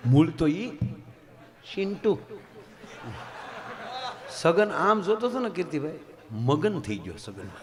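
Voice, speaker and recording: A man's voice: big pitch swings, slow, long pauses, crowd noise. A man with a Gujarati accent telling a folk story on stage, acting out the characters with dramatic swings in his voice. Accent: Gujarati, Saurashtra. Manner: dramatic storyteller who acts out characters, big pitch swings. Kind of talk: live dayro storytelling to an audience. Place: live stage program.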